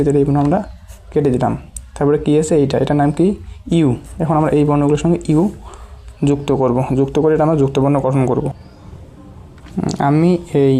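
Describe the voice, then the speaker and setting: Brief: patient language tutor, dark mellow tone, drills syllables over and over. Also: mid-range voice. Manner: slow, repeats each syllable several times while writing on a board. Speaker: Japanese language teacher. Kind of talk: patient step-by-step lesson.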